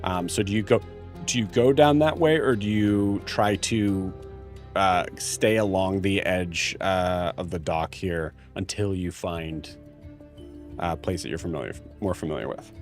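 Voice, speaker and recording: A man acts as game master, improvising narration in a fairly low voice. He is casual and halting, often searching for words. Faint music plays behind him.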